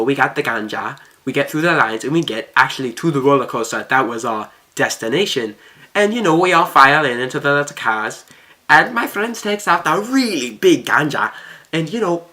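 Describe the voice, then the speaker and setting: Bright, forceful young storytime vlogger. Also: mid-range voice. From Melbourne, Australia. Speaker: video host. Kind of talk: vlog storytime, addressed to viewers.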